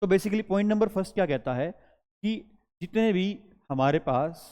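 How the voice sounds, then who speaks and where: A man with a fairly high voice teaches a grammar lesson in Hindi and English. He explains each point step by step and keeps quizzing his students with questions. His voice carries a long reverb from the room. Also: expressive, moderate pace, dark tone, clean tone.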